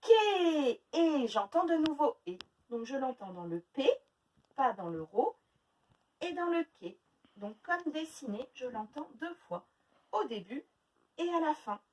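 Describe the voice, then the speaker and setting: A woman teaching a phonics lesson to young children, sounding out words slowly syllable by syllable. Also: high voice, expressive, a little mellow, recorded from a distance, low-quality recording. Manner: slow, exaggerated syllable-by-syllable pronunciation. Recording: faint noise, voice a little off-mic.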